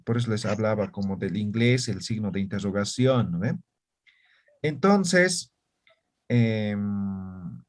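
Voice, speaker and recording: A man teaching an online language class, explaining patiently and often checking that students follow. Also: mid-range voice. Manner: slow, patient, checks understanding with "¿ya?" and "¿no ve?".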